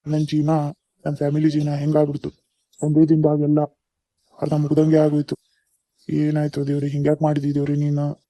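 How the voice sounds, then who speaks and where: A man's voice: a little high, completely flat delivery, a little fast, long pauses, mellow, no room sound, lightly acted. A man with a North Karnataka accent voicing a troubled, earnest young husband in a cartoon. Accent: North Karnataka Kannada. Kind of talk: cartoon voice acting.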